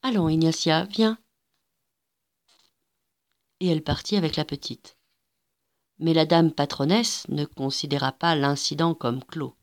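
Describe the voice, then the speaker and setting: A woman reading a story aloud with a measured, gentle narration. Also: deep voice, steady tone.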